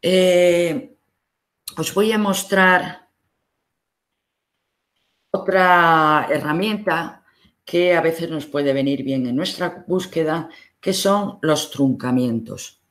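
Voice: mid-range voice, very slow, long pauses, a bit bright. A university library instructor with a Spain accent, giving a recorded online lesson and patiently explaining each step of a screen demonstration.

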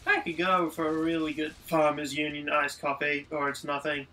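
A man's voice: a little high, little pitch movement, moderate pace, pushed and bright, distant mic. A man chatting with a friend during a gaming session and tossing out ideas. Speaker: co-player friend. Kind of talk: casual gameplay chat.

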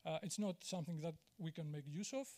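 Holding a mic on a large auditorium stage, a man from Greece gives a conference talk in a slightly high, dark voice at a quick pace. He's candid and pokes fun at himself, with plenty of fillers and restarts.

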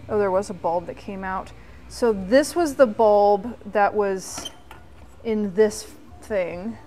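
A woman hosting a hands-on workshop tutorial, walking through each step slowly with frequent "um" pauses. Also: mid-range voice. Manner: explains step by step with many "um" pauses. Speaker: vlog host.

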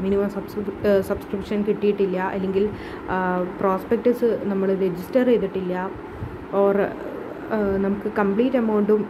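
A woman teaches commerce over slides, switching between two languages and pausing often on fillers. She reads the English definitions out slowly and deliberately. Her somewhat high voice comes through a dull, muffled recording with clear background noise.

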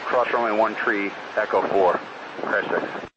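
A man's voice: lowish voice, steady tone, unhurried. A man from an airport fire rescue crew, reading back instructions over vehicle radio. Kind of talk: radio readback. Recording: muffled, clearly noisy radio transmission.

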